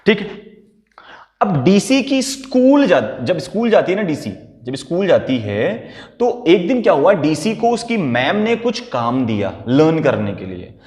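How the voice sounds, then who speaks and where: A lively male teacher tells a classroom story, his voice swinging from high to low as he acts out each character. His pitch sits a bit high for a man. The room rings with a long, echoey reverb. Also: unhurried. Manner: animated storyteller acting out dialogue. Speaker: chemistry teacher. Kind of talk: storytelling lesson.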